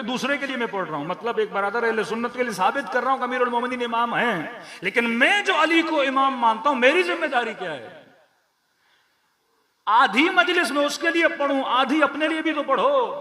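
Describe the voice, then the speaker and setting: A Shia preacher with a Pakistani Urdu accent, his voice extremely high, pushed and bright, delivers a declamatory majlis sermon to a congregation. He uses rhetorical questions and rhythmic repeated lists in a large prayer hall, and the recording is echoey with crowd sounds.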